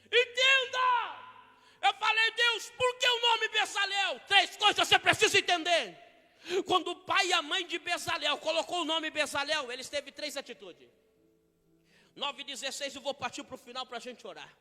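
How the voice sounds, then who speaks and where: Fiery Brazilian preacher in a reverberant church hall. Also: male voice, extremely high pitch, moderate pace. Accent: Brazilian Portuguese. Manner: swings from shouting to hushed asides, jokey impressions. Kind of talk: fiery Pentecostal sermon.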